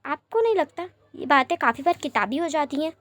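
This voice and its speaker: Lady doing a soft sorry young guy in a fanfic audio story, high voice, dry close sound. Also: big pitch swings, a little fast, dry recording, faint music behind. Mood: tender. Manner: soft-spoken, remorseful, pleading. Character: gentle young man, apologetic and devoted lover.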